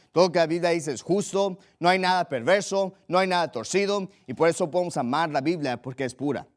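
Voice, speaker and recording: A young man preaching a sermon with a somewhat high voice for a man. He drives his points home, repeating short phrases for emphasis and slowing down to read scripture aloud. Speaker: pastor.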